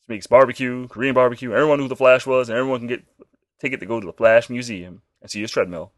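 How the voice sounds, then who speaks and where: A man co-hosting a casual chat, animated and swearing freely. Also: medium pitch, rapid-fire, no room sound, clean studio sound. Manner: animated, swears freely, puts on silly quoted voices. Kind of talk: casual chat about comic book shows.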